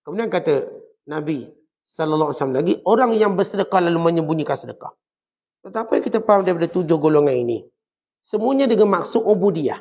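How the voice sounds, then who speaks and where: A man's voice: fairly high pitch, animated, fast talker, darkish tone. A man with a Malaysian Malay accent giving a conversational religious lecture, mixing teaching with humorous everyday examples. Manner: conversational, humorous examples, talks to his listeners. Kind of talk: mosque lecture on Sufism. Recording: dull lo-fi lecture recording.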